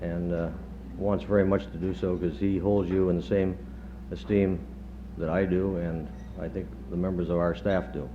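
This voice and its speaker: A middle-aged man, a chief of staff, giving a halting tribute speech with dry humor, heard on old worn reel-to-reel tape. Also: low voice, little pitch movement. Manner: halting, many pauses and fillers, dry humor. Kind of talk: after-dinner tribute speech. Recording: dull worn 1970s tape with faint hum.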